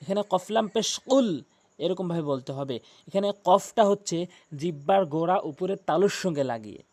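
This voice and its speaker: A man teaching Quran recitation in a spoken lesson with a Bangladeshi Bengali accent. He talks emphatically and repeats each sound slowly for practice, drawing out the recited words. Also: sits high, animated, darkish tone.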